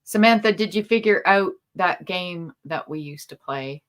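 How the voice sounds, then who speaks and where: A woman with a fairly low voice chats casually on a livestream over a video call. She is talkative and laughs often, and her sentences often trail off unfinished. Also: normal speed. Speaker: co-host.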